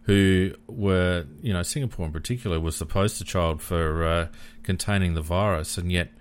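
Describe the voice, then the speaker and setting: An Australian man hosting a casual sports discussion, measured and hesitant as he thinks aloud. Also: low-pitched, smooth.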